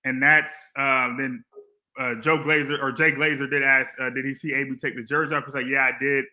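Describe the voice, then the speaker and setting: A man co-hosting a sports podcast, recounting a game in a measured way with a few small restarts. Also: medium pitch, level tone, bright, forceful tone. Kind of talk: casual sports talk.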